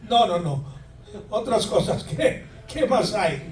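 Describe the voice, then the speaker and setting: A man preaching a sermon as pastor, animated and emphatic, with asides to the congregation. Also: sits high, slow pace, slight background noise. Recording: echoey room, far from the mic, music behind.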